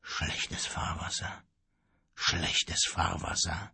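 A man playing a worried, gruff old ship captain. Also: mid-range voice, expressive, normal speed, no echo. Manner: brooding and gruff, muttering.

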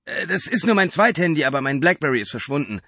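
A man's voice: fairly high pitch, big pitch swings, fast talker, pushed and bright, husky, no echo, pitched above the performer's own voice, heavily acted. A man voicing a flustered, nervous man in a taxi who talks hastily. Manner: hasty, nervous.

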